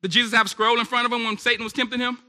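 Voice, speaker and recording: A male preacher delivers a lively, conversational sermon and keeps checking in with the congregation. His voice sits high and comes across forceful and sharp. The recording has a long hall echo. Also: rapid-fire. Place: church service. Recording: echoey hall reverb.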